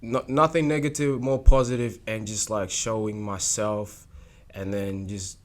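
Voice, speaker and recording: A young man from South Sudan with an Australian accent, talking about his acting as a guest in a casual interview, relaxed and hesitant, with many fillers. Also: on the low side, a little slow. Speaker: guest actor.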